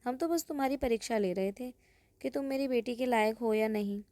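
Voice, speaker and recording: A woman voicing a calm middle-aged father. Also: fairly high pitch, fairly quick, no echo, lightly acted.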